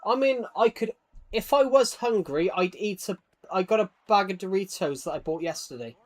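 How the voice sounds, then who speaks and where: A man livestreams while gaming, rambling casually and putting himself down as he reads out viewer comments, often stammering and repeating words. His voice is high-pitched and moderately paced.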